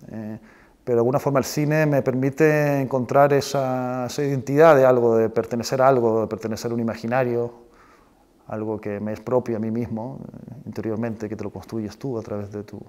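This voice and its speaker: In an interview about his own films, a director from Spain and Chile speaks briskly at medium pitch, with fairly even intonation and a darkish tone. He pauses to find words and often closes phrases with a questioning tag.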